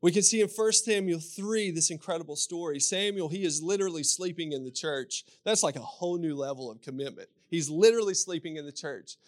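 A man's voice: fairly high pitch, brisk, hardly any pauses. A man with a Kentucky accent preaching as a pastor, telling scripture stories and repeating phrases for emphasis. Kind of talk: sermon with scripture storytelling.

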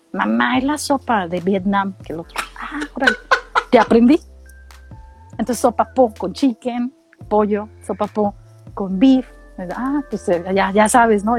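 A middle-aged woman from Mexico with a Mexican accent, telling animated, slangy stories in casual chat and acting out what people said. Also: a little high. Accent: Mexican Spanish. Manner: animated storytelling, slangy, acts out quotes.

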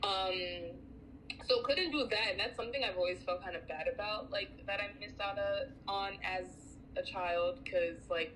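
A woman from the United States co-hosting a casual podcast, talking in an animated, filler-heavy way. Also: mid-range voice, normal speed, a little hiss or hum, low-quality recording. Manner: animated, chatty, many fillers. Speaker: podcast co-host. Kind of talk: casual chat.

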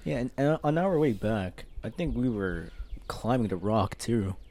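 A young man co-hosting a casual podcast with friends, relaxed, often cutting in to correct the story. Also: fairly low pitch, unhurried. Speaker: podcast co-host. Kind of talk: casual chat among friends.

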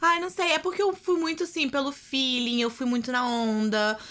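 Bright-voiced young Brazilian woman. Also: sits high, steady tone, brisk. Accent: Brazilian Portuguese. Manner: candid storytelling, acts out quoted speech. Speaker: podcast guest, former au pair. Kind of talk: casual interview chat.

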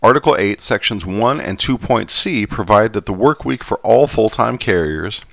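A man voicing a genteel Southern gentleman who reads aloud in a measured, formal manner with a Southern US accent. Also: fairly low pitch, animated, creaky, dry recording. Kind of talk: scripted reading.

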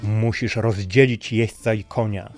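A scheming old sea sorcerer whispers poison into a king's ear, as a narrator puts him on. He speaks slowly and smoothly, sly and persuasive. Soft music runs behind the storybook reading. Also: on the low side, fairly even intonation.

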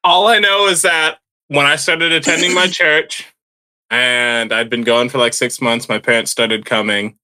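A man's voice: medium pitch, fairly even intonation, normal speed, pushed and bright. A man co-hosting a casual podcast, telling stories with self-mocking humor and laughing between lines. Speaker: podcast co-host. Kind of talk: casual chat.

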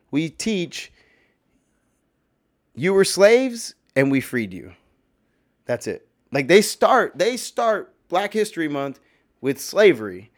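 Slightly hoarse and a little high-pitched, a man rants casually about his opinions, leaning on fillers and breaking into emphatic, swearing bursts.

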